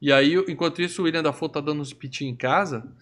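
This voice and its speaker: A man's voice: fairly high pitch, fairly even intonation, quick pace, a bit bright. A Brazilian man hosting a casual podcast chat, retelling film scenes with joking acted quotes. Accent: Brazilian Portuguese. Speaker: podcast host. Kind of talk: casual movie review chat.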